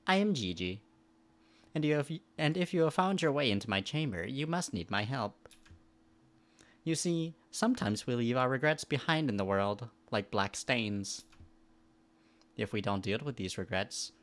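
An ancient mystic spirit of regrets, read aloud by a man in a game. The words come slow and drawn out, with a solemn ceremonial air. The pitch sits in an ordinary middle range. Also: natural voice. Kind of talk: voicing in-game dialogue.

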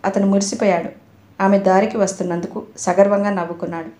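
A woman narrating a novel as an audiobook reader, in a steady, expressive reading voice. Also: medium pitch, quick pace. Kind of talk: storybook narration. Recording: echoey room.

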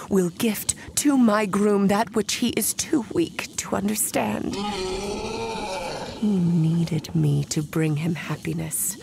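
A woman's voice: mid-range voice, creaky. A woman playing a vengeful undead bride in an audio horror drama, solemn and dramatic, lapsing into whispers. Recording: noisy background.

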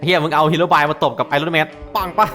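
A man hosting a game video, giving excitable, casual commentary full of laughter and casual swearing. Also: fairly high pitch, moderate pace, faint music behind. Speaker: gaming channel host.

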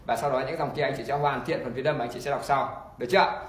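A man teaching an online pronunciation lesson, repeating example words slowly and encouraging learners. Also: medium pitch, steady tone, a little hiss or hum. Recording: echoey room.

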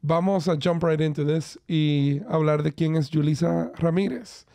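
A man's voice: on the high side, fairly even intonation, a little slow, gravelly, warm tone, no echo. Man hosting a podcast. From Dominican Republic. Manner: friendly, mixes in English phrases. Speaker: podcast host. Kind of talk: casual podcast interview.

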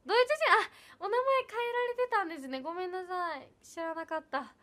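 A young woman, chatting casually on her livestream as she reads viewer comments. Her voice sits high and sounds bright. She giggles often and keeps thanking people. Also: fairly quick. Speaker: idol livestreamer.

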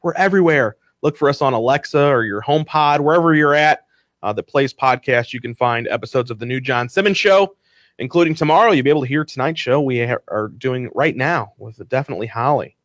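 A man's voice: medium pitch, fast, a bit bright, dry recording. A man hosting a radio talk show in a studio, chatting casually and joking with his guest. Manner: joking, easygoing, laughs often. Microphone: studio microphone.

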